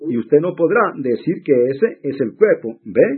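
A man's voice: on the high side, very animated, a little slow, slightly rough. A man preaching a sermon to a small congregation, emphatic and fond of repeating rhetorical questions. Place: church. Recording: tinny phone-like old sermon recording.

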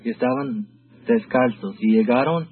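A man's voice: medium pitch, measured pace. A man preaching a sermon, telling the story of a vision and talking directly to his congregation. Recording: tinny phone-like sound with faint music.

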